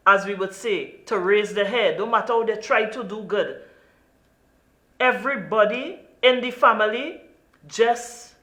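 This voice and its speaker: A talk show host from Trinidad and Tobago, speaking with a Trinidadian accent, conducts an interview earnestly and emphatically, peppering her speech with "you know". Her medium-pitched voice is slightly bright and a little slow, with reverberation around it.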